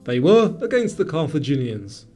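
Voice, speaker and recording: A quiz show host with a high, darkish-toned voice presents a scripted quiz over background music at a moderate pace. Very animated, he speaks to the player with widely swinging intonation, enunciating each phrase clearly like a presenter.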